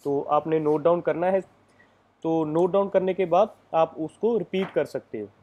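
A man's voice: a little high, moderate pace, dull audio. A man giving a casual lecture as an exam coaching teacher, explaining step by step with frequent fillers.

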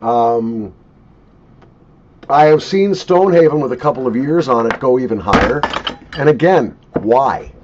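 In his sixties, a man reviews pipe tobacco at a desk in his small home office, unscripted, casual and opinionated, with plenty of emphasis. His mid-range voice is animated, his pace measured with frequent pauses. The webcam audio is dull and lo-fi, and the background is noisy.

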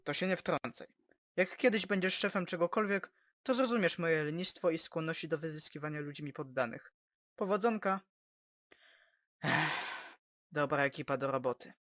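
A woman voicing a bossy, lazy boy team leader in a lowered, sneering voice for a parody cartoon dub, with music behind. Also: normal speed, a bit bright, dry recording, studio quality. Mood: smug.

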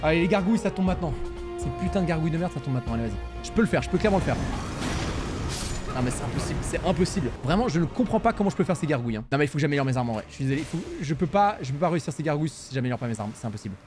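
A young man streaming a video game, reacting loudly with frequent swearing and startled yelps over game music. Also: fairly high pitch, very fast. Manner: excitable, swears a lot, yelps in surprise. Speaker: gaming streamer. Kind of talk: live game commentary. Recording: game music loud behind the voice.

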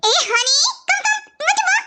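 A woman's voice: very high voice, lively intonation, a little slow, bright, forceful tone, slight background noise. A woman voicing a doting, protective young mother in a cartoon, talking in a fussy, indignant way.

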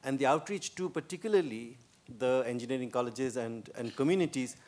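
A man's voice: mid-range voice, a little fast, a little mellow, slight background noise. A man answers from a conference panel in an ordinary mid-range voice. He talks fluently and with conviction, pressing his main point. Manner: fluent and emphatic. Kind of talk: panel discussion answering questions.

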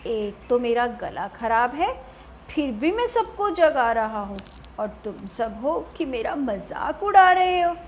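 Woman doing a grumpy hoarse rooster. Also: on the high side, big pitch swings, slow pace, slight background noise. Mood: grumbling. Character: cranky hoarse rooster, male, sulky.

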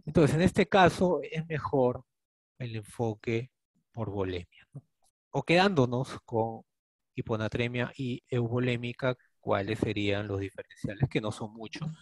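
A man's voice: mid-range voice, a little slow, no room sound. A man with a Peruvian Spanish accent leading a clinical case discussion, reasoning step by step and often checking in with students. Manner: explains step by step, often asks students questions with a rhetorical "¿no?". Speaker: attending physician teaching a case discussion. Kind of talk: clinical teaching, thinking aloud.

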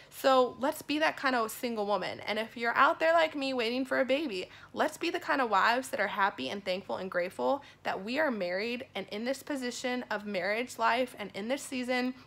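A young woman with a fairly high, bright and forceful voice. She talks casually to her phone like a vlogger, earnest and emphatic as she encourages her viewers. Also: expressive, a little fast, gravelly. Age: young adult. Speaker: vlog host giving an encouragement message. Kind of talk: casual motivational talk to camera. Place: small indoor room at home. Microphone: phone at arm's length.

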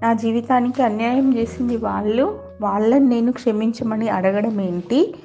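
A woman's voice: a little high, normal speed, mellow, lightly acted. A woman voicing a proud, emotional young woman officer in an audio story, speaking earnestly and from the heart. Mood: confused. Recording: slightly dull, faint music behind.

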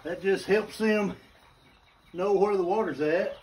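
Man, folksy homestead vlogger, phone at arm's length, slightly high voice, faint farm noise behind. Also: unhurried, darkish tone. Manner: folksy, chatty, says y'all. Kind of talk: casual how-to vlog. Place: farm barn and backyard outdoors. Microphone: phone camera at arm's length.

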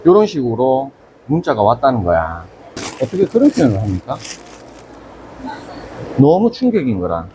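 Gyeongsang-accented shop owner, storytelling vlog, swooping pitch, noisy room behind him. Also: male voice, moderate pace, pauses often. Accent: Gyeongsang Korean. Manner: animated, retells his own angry exchanges. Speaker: aquarium business owner. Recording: noisy ambient background.

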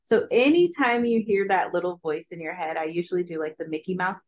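A woman's voice: fairly low pitch, brisk. A woman guest on a podcast, talking in an upbeat, chatty way and saying "like" often. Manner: upbeat, chatty, says "like" a lot. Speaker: podcast guest, spiritual business owner. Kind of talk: casual interview chat.

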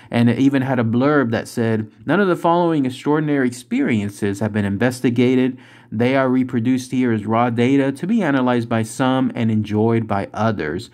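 A man's voice: mid-range voice, a little mellow. A middle-aged man hosting a cryptid video, narrating casually over still images in a conversational, rambling way with fillers.

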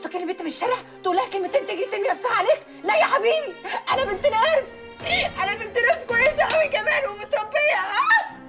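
A woman's voice: very high-pitched, lively intonation, fast, over loud music. An actress with an Egyptian accent playing a proud young woman who scolds sharply and defends her honor. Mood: indignant. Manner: sharp, scolding, tearful outbursts. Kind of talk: TV drama acting.

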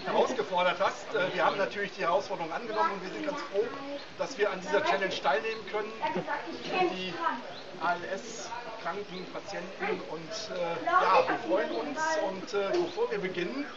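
A middle-aged man gives an informal announcement outdoors in a halting manner. He is picked up by a camera some way off, so the sound is distant and dull. Loud chatter from a group surrounds his voice. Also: high-pitched, lively intonation. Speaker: challenge participant. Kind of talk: casual spoken announcement to camera. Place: outdoors on a wooden riverside deck. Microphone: camera a few metres away.

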